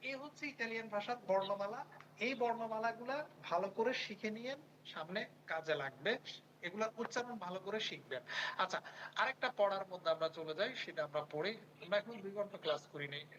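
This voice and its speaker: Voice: medium pitch, animated, normal speed, a bit bright, muffled recording, a little hiss or hum. Patient teacher drilling pronunciation. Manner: repeats words and prompts students to say them back. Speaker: language teacher. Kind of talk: online language lesson.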